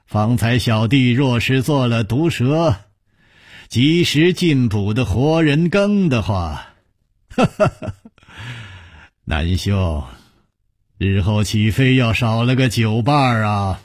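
A man's voice: mid-range voice, animated, slow, darkish tone. A man playing a laughing, jovial swordsman hero. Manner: hearty laughing, jovial teasing. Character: cheerful, witty young male swordsman hero.

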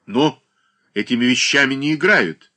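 Male reader doing a bossy stern old gent, low voice, bit husky. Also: big pitch swings, normal speed, full character voice. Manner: curt, forceful, admonishing. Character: stern commanding older gentleman, humorless.

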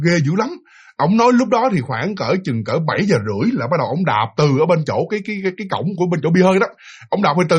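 A man with a Southern Vietnamese accent, casually retelling a ghost story in an animated way, full of fillers and repeated words. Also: high voice, breathy edge.

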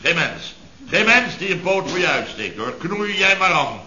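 A man with a slightly high, very animated voice, bright and forceful, plays a blustery, self-pitying, boastful rich building contractor boss in a 1970s radio comedy. Exaggerated and at a moderate pace, he grumbles pompously and emphatically, repeating himself, sounding aggrieved and blustering. The vintage radio recording is dull and roomy with slight background noise.

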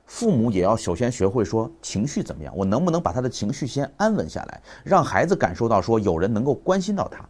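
A man's voice: medium pitch, big pitch swings, quick pace, few pauses, a little mellow. A man in his thirties giving a public talk on parenting, telling family stories and acting out the dialogue. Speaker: parenting speaker.

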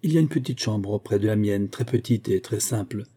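A kind older lady speaks calmly and with gentle firmness, as a man reads her part. Her tone is very dark and mellow, with a husky edge. She is a storybook benefactor, sure of herself. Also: lowish voice, a little fast. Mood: kindly. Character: kind older woman, calm and firm benefactor.

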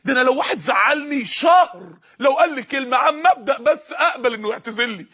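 A man's voice: very high voice, expressive, quick pace, bright, forceful tone, husky. A male preacher with an Egyptian accent giving an impassioned sermon, telling stories and rising to cries. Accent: Egyptian Arabic. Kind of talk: emotional sermon.

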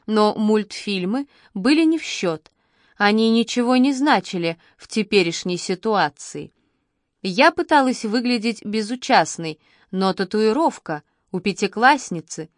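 A woman giving scripted first-person narration of an audiobook at a measured, even pace. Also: a little high, no echo, clean studio sound.

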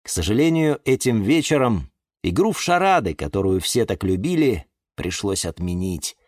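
A man narrating a children's tale with a playful, expressive delivery. His voice is fairly low but rises and falls a lot. The recording is dry and close-miked. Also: moderate pace, no room sound. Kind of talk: storybook narration.

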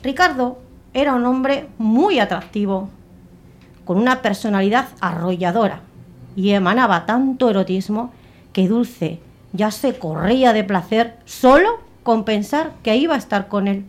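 A woman telling a dark story as a dramatic narration, slowing down and building up on the tense moments. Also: mid-range voice. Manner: expressive, slows and swells on dramatic moments.

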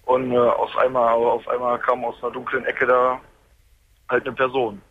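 A man's voice: mid-range voice, monotone, normal speed, breathy edge. Young man on a tinny speakerphone. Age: 20s. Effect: hands-free speakerphone in a truck cab. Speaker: caller. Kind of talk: late-night radio phone-in call. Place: truck cab on the highway. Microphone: car hands-free speakerphone. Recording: tinny phone line, faint road noise.

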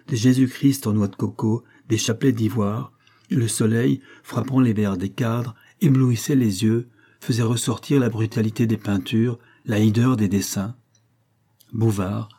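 Mellow, husky male audiobook narrator. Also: fairly low pitch. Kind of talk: scripted narration of a classic novel.

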